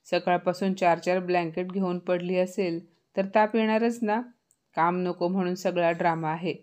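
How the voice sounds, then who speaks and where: A woman's voice: on the low side, fairly even intonation, normal speed, a little mellow, natural voice. A woman voicing an older mother-in-law who finds fault and mocks her daughter-in-law. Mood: scornful. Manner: sneering, accusing.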